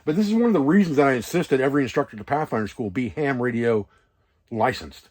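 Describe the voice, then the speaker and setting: An outdoor preparedness vlog instructor talks casually inside a wall tent at a hunting camp, his explanations rambling and hands-on. His voice is medium in pitch and darkish, and he talks at a quick pace.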